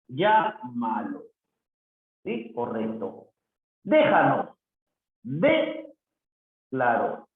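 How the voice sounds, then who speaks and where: Echoey lo-fi man teaching grammar slowly. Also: on the high side. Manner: drawn-out syllables, self-talk with many "ya está" and "ahí está". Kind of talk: worksheet walkthrough lesson. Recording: phone-like, very echoey room with faint noise.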